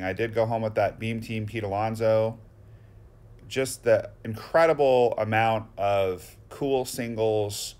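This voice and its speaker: Gushing Boston-accented man narrating. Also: lowish voice. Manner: gushing, exclamatory, rattles off card names. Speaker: vlogger touring a card shop. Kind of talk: excited voice-over narration.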